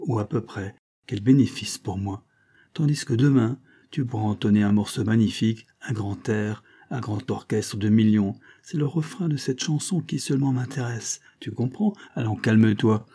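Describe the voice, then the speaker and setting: A man's voice: medium pitch, warm tone. A man voicing a sly, smug fairground showman who patronizes and blackmails his accomplice. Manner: smooth, mocking, patronizing.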